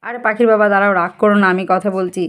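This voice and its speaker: A woman's voice: mid-range voice, fairly even intonation, a bit bright, close to an everyday voice. A woman voicing an eager village mother who coaxes and bargains in a chatty way. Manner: quick, coaxing and chatty.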